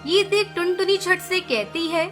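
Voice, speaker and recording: Narrating a children's story from a script, this woman's voice is very high-pitched, animated, a bit bright and a little slow. Music sits clearly beneath her storytelling.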